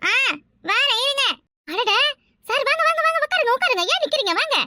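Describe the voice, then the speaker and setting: A woman voicing a brash, quarrelsome village woman in a cartoon, talking loudly and boastfully. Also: very high-pitched, lively intonation, brisk, no room sound, studio quality, exaggerated voice. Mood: welcoming. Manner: loud, boastful, argumentative. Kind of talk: cartoon voice acting.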